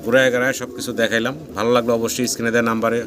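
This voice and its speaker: A man with a Bangladeshi Bengali accent talks at a breakneck pace, steady in pitch, as he walks through a farm. Pigeons coo loudly around the noisy recording. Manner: rapid patter, repeats prices, frequent blessings. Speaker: pigeon seller channel host. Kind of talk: fast walkthrough sales tour. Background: pigeons cooing.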